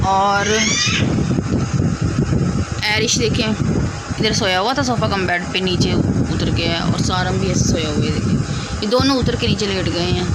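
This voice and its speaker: A hoarse young woman, a mother, chatting affectionately to the camera in a casual home vlog. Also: medium pitch, heavy background noise. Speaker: mother vlogger. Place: family home indoors.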